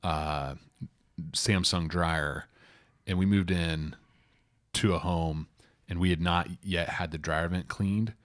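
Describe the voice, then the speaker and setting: A man in his thirties co-hosts a casual advice podcast, talking loosely with plenty of asides. His voice sits very low, recorded close and dry with no room sound. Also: fairly even intonation, takes it slowly, pauses often, no room sound. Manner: loose and conversational, full of "like" and asides. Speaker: podcast co-host, property manager.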